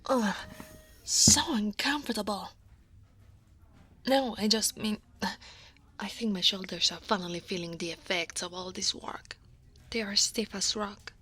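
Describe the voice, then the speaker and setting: Close to the mic in a soft, tired half-whisper, an Italian-accented woman from Italy performs an ASMR roleplay as a female dragon coworker in an office, weary and guarded. Her breathy voice is medium in pitch, measured in pace, with frequent pauses.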